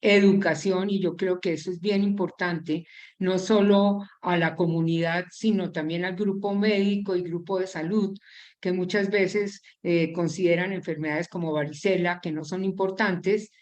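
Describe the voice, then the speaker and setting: A woman's voice: lowish voice, steady tone, moderate pace, darkish tone. A woman, a physician on a panel laying out her points in order. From Colombia. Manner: organized, lists points clearly. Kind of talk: panel discussion.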